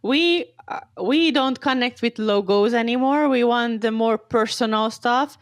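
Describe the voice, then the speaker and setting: A woman's voice: fairly high pitch, measured pace, smooth, dry recording. A woman in her twenties from Serbia, a guest on a podcast, talking eagerly and chattily. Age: 20s. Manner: eager, chatty, laughs easily. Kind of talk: casual interview.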